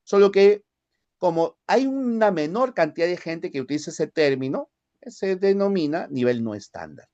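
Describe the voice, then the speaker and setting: A man from the Peruvian highlands with a Lima accent, lecturing a language class and often checking in with short tag questions. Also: animated, moderate pace, dark tone, highs cut off. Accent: Lima Spanish. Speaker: language teacher.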